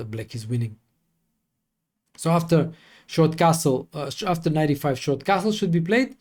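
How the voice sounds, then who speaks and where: Chess coach calmly explaining opening lines. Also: male voice, mid-range voice. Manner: thinking aloud, with many fillers and quick self-corrections.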